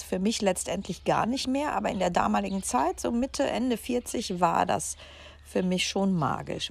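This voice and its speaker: A woman's voice: medium pitch, creaky, a little mellow, husky. A woman, telling personal stories for her podcast in a chatty, reflective way, recorded outdoors. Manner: chatty, reflective, with frequent fillers. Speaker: podcast host. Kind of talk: casual personal storytelling. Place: outdoors in a garden with birds and construction noise. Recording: outdoor recording with faint background noise.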